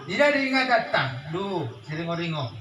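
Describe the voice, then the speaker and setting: A man preaching a lively sermon to a village audience, jumping from quiet asides to shouted points and joking with the crowd. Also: high-pitched, normal speed. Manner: animated, swings from soft asides to shouted points, jokes with the crowd. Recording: echoey room with faint background noise.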